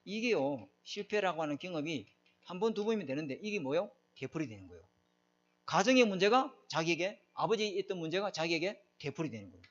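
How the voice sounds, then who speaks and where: Middle-aged guy preaching, lots of pitch swings, kinda muffled lo-fi sound. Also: sing-song, fast talker. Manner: emphatic, asks the congregation questions. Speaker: pastor. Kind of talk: sermon. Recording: dull lo-fi recording.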